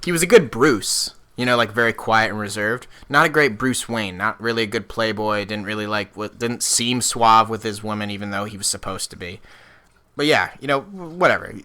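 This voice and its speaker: Deep, bright-toned man chatting on a podcast. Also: a little fast, smooth. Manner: opinionated, frequent restarts. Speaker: podcast co-host. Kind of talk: casual chat.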